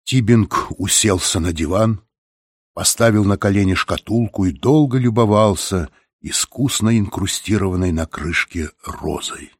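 A man narrating a novel in an audiobook with measured, steady storytelling. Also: lowish voice, dry recording, studio quality.

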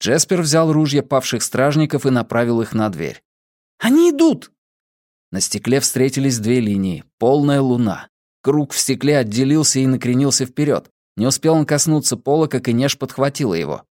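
A man reading an audiobook in measured scripted narration. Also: medium pitch, animated, a little mellow, dry recording, studio quality. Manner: measured storytelling.

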